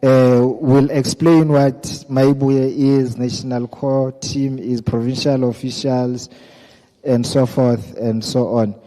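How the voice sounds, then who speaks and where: A man's voice: medium pitch, steady tone, slow pace, dark tone. A South African man formally reading out an organisation's document to a meeting. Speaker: presenter of an organisation's code of conduct. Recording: hall PA with long reverb.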